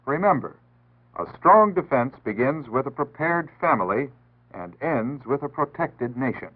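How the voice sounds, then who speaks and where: Here an American man reads a scripted 1960s civil defense PSA in a sing-song, medium-pitched voice at normal speed. He sounds earnest and formal, aiming to instruct. The audio is thin and band-limited, like an archived 1960s radio broadcast.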